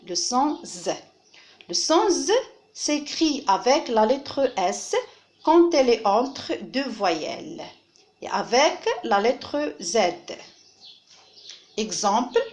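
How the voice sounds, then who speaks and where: A woman with a North African French accent, teaching a phonics lesson to children, slow and deliberate and repeating each word to model how it sounds. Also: on the high side, roomy sound. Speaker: primary school teacher.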